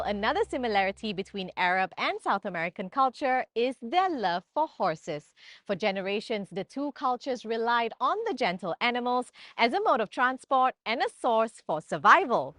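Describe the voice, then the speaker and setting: A woman giving smooth, even scripted documentary narration. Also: on the high side, moderate pace, no room sound.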